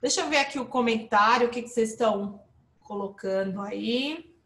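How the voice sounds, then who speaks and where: Lively woman teacher, high and animated, live online lesson, echoey room. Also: normal speed. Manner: lively, explains with rising and falling emphasis, checks in with viewers. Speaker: English teacher.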